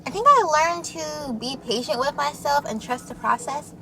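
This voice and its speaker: A woman's voice: high-pitched, moderate pace, music in the background. A young woman chatting casually with the camera while eating, chatty and loose, full of fillers. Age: young adult. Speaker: vlogger. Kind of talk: casual mukbang chat.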